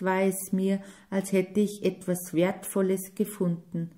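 Woman reading an emotional sister, exclaiming, slow and mellow, storybook reading. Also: medium pitch, close to an everyday voice. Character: grown woman, hostess, deeply moved sister.

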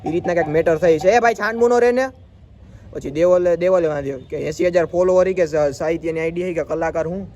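A man's voice: fairly high pitch, fast talker, hardly any pauses, highs cut off. A young man, telling a story in a casual vlog and acting out the exchanges. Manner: animated, acts out quoted exchanges. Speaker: vlogger. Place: outdoors by a school.

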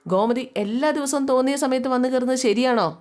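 A woman's voice: high-pitched, quick pace, a little mellow, pitched above the performer's own voice, close to an everyday voice. A woman voicing a grumpy older man who scolds and fires off indignant questions.

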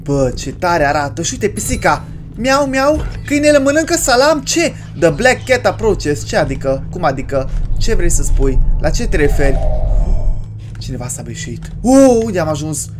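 A gaming creator, giving crude, joking let's-play commentary on a horror game, with sudden loud yells. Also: mid-range voice, sing-song, over music. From Romania.

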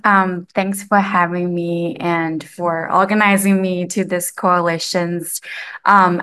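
A woman's voice: medium pitch, fairly bright tone, clear, resonant tone. A young woman student activist speaking unscripted on a webinar from home, earnest and searching for words. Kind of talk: unscripted panel remarks. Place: home room, indoors. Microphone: laptop on a video call.

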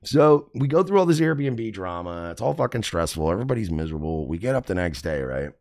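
A low-pitched male radio host spins a comic story with lots of swearing. His voice jumps around with very lively pitch swings. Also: fairly quick. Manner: profane, animated storytelling.

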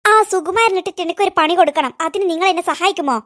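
A woman voicing a cross, vengeful middle-aged aunty in a cartoon, grumbling and scheming in a high voice pushed lower. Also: racing, fairly bright tone. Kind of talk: cartoon voice acting.

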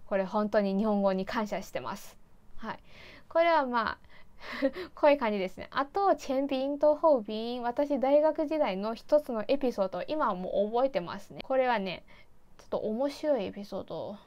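A woman's voice: fairly high pitch, expressive, moderate pace, darkish tone, highs cut off. A young woman from China, a native Chinese speaker, chatting casually in Japanese as a vlogger with lots of fillers and self-deprecating asides. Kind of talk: casual chat about learning Japanese.

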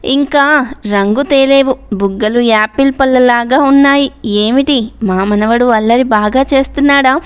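A woman's voice: sits high, moderate pace, clear, resonant tone, natural voice. A woman voicing a playful, teasing old grandmother in a serialized story reading. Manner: mischievous, giggly teasing.

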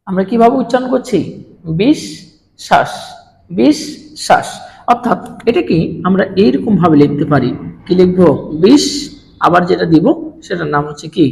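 A man's voice: high voice, creaky, darkish tone. A man teaching a grammar lesson to students. He asks questions and answers them himself. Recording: echoey room with long reverb.

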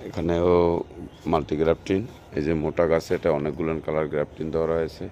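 Here the host's bass voice moves quickly with little pitch variation, sounding a bit mellow over slight background noise. He has a Bangladeshi Bengali accent and gives a casual walkthrough of an outdoor plant nursery, salesily repeating himself as he points the plants out.

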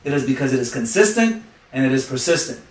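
Male podcast guest, mid pitch, quick and preachy, roomy off-mic sound. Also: sing-song, recorded from a distance. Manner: preachy, emphatic, uses sayings and analogies. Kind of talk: motivational talk.

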